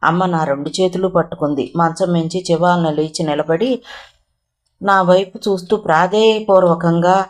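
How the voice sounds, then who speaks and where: A woman reading a novel aloud in steady, expressive storytelling narration. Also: on the low side, moderate pace.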